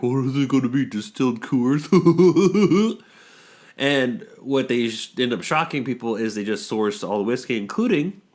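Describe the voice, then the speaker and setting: Rambling stuffed-up man podcasting. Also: lowish voice. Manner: rambling, jokey, lots of fillers. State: congested from a cold. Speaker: podcast host. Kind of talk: casual chat.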